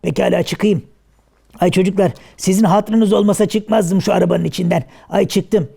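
A man's voice: high voice, fairly even intonation, moderate pace, vocal fry, mellow, slightly rough, exaggerated voice. Karagöz, a man voicing a whiny comic everyman. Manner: plain-spoken, whiny, clowning. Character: blunt clumsy comic everyman, adult male. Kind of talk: traditional shadow puppet play.

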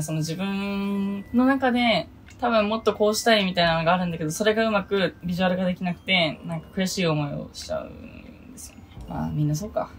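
Speaking low and easygoing, an Okinawan woman in her 20s, an idol producer and vlogger, runs through her goals alone on camera. Self-deprecating remarks pop up along the way.

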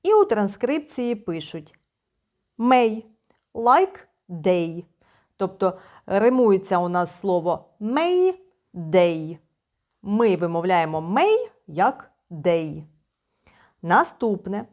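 A woman's voice: mid-range voice, very animated, slow pace, long pauses, darkish tone. A woman teaching English, who reads English phrases and then translates and explains them step by step. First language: Ukrainian. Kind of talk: slow explanatory language lesson.

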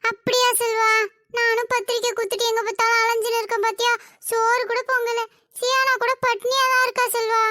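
A sharp, piercingly high cartoon sister-in-law, greedy and scheming, frets and complains in a fussy rush. The tone is bright and edgy. The sound is dry and close. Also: female voice, flat delivery, a little fast, no echo. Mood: plaintive. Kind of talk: cartoon voice acting.

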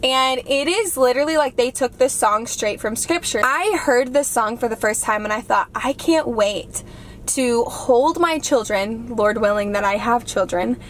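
A woman's voice: a little high, measured pace, slight background noise. A young woman in her twenties chatting in a heartfelt, gushing way, filled with "like", as she talks to a camera in a car. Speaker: vlogger. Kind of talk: casual chat. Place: inside a parked car. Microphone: camera on the dashboard.

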